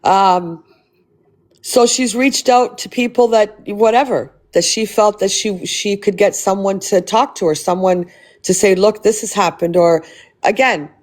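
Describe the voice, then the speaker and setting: A woman's voice: medium pitch, unhurried. A woman hosting a livestream, ranting angrily and with lots of swearing, often repeating and restarting her words. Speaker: livestream host. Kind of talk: angry live-stream rant.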